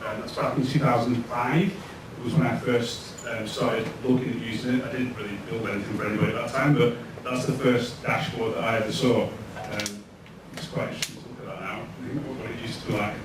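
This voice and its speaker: This Lancashire man, in his thirties and medium-pitched, gives a friendly, informal tech meetup talk to an audience. He leans on "um" pauses often. The event room is echoey, the microphone distant, and the recording noisy.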